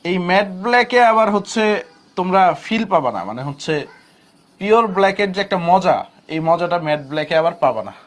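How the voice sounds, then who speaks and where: A man's voice: high voice, expressive, fast talker. A man. He talks casually and repeats each point. He quizzes the class and then gives the answer himself. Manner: repetitive, asks students questions and answers them; colloquial Bangladeshi speech. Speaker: chemistry teacher. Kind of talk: classroom lecture.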